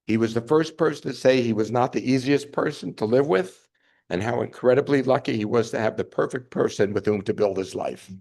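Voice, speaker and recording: Creaky-voiced man giving a eulogy. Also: medium pitch, darkish tone. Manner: emotional, wry, measured delivery. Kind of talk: memorial eulogy. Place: funeral service.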